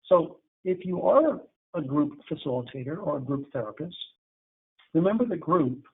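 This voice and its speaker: The speaker is a middle-aged therapist with a husky, mid-range voice, giving a candid webinar lecture on treating addiction. He talks conversationally and plays out conversations with clients, all captured in tinny, phone-like audio.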